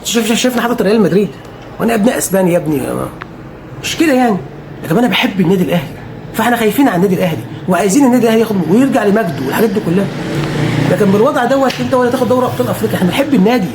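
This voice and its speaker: This man's voice sits high and comes out rapid-fire over background noise. He's a football fan streamer with an Egyptian Arabic accent, chatting casually to the camera, repeating himself emphatically and swearing oaths.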